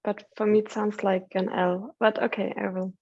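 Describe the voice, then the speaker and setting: A woman's voice: medium pitch, level tone, normal speed, dry recording, lo-fi sound. A woman in her first language class on a video call, hesitantly repeating words after the teacher. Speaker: language student.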